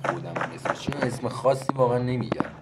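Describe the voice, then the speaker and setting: A Persian-accented man casually explaining game map callouts, thinking aloud with pauses and self-corrections, over game audio with clicking. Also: medium pitch, expressive, over a noisy crowd, heavy background noise. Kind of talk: casual gameplay walkthrough.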